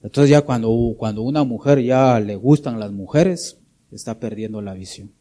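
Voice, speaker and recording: Here a man preaches at a moderate pace, his voice mellow and medium in pitch. He talks right to his listeners, often asking for their agreement and addressing them as brother.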